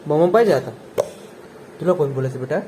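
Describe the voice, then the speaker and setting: A man with a fairly high voice talks to a small child at home, playful and coaxing. His questions swing up into a lilting sing-song, with quick laughs between them. Faint room hum sits behind him. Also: animated, poor audio. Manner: laughs warmly between prompts. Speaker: family vlogger filming a toddler.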